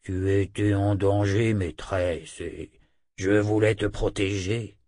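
A man voicing a loyal, humble male talking wolf, low and slow, in an audiobook. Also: steady tone, a little mellow, no echo, studio quality.

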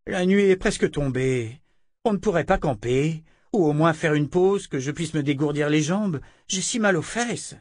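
A man's voice: on the high side, animated, normal speed, dry recording, voice pushed up, natural voice. This is a grumbling, stubborn tribeswoman in an audiobook, as a male reader puts her on. She whines and insists in a lifted voice. The sound is close and dry. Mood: whiny. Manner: complaining, petulant. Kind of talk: audiobook character voice.

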